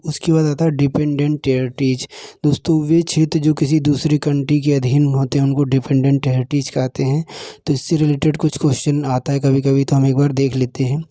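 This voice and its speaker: A man's voice: medium pitch, mellow, no echo. A man teaching geography for exam prep, drilling points by asking quiz questions and answering them himself, switching between Hindi and English phrases. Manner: asks and answers his own quiz questions. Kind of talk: explanatory lecture.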